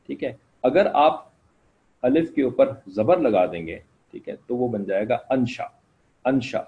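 Gravelly-voiced man teaching slowly. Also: mid-range voice, sing-song, muffled recording. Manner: slow explanatory, keeps asking "ٹھیک ہے نا". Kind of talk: online class lecture.

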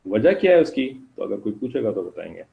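A man teaching an online class, explaining slowly and checking in with his students again and again. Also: lowish voice, big pitch swings, creaky, lo-fi sound. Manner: slow explanatory, keeps asking "ٹھیک ہے نا".

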